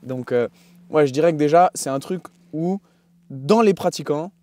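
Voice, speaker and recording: A man's voice: a little high, normal speed, darkish tone. A man co-hosting a podcast, teasing and chiming in during casual chat. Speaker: podcast co-host.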